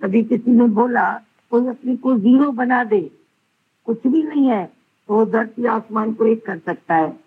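A woman's voice: on the high side, a little slow, slightly rough, narrow, tinny audio. A woman giving an earnest devotional sermon as a spiritual teacher, pressing her listeners with rhetorical questions.

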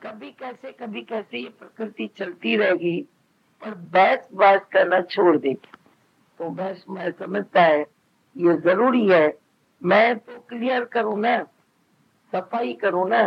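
A man's voice: sits high, slow, vocal fry, breathy edge, lo-fi sound. A man giving a spiritual discourse, talking conversationally and acting out little dialogues between family members. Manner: conversational preaching, quoting others in dialogue. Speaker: spiritual teacher. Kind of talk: satsang discourse.

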